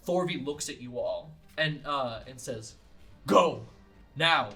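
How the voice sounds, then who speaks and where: A man narrating as game master of a tabletop game in a casual, animated way. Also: medium pitch, unhurried, faint music behind. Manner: casual, animated, swears and laughs while narrating.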